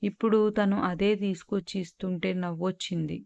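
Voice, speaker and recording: A woman's voice: mid-range voice, steady tone, brisk, creaky, dark tone, no room sound, muffled recording, lightly acted. A woman voicing a stubborn, demanding young schoolgirl in a read-aloud story, with a pouty, insistent tone.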